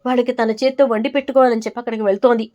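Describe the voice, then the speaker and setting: A woman's voice: on the high side, fairly even intonation, racing, highs cut off, lightly acted. A woman voicing a grown son who earnestly pleads with his mother. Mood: pleading.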